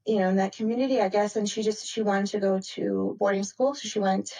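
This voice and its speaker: A woman's voice: mid-range voice, steady tone, fairly quick, creaky, dark tone, poor audio. A woman from Maryland speaking as a podcast guest in a casual interview, reflective and rambling, full of "like" and "you know". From Maryland, United States.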